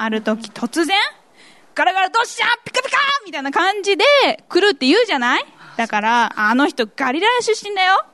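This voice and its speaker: A woman's voice: sits high, pushed and bright, no room sound. A woman playing a chatty, gossiping townswoman in a church skit. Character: gossipy city-dwelling woman.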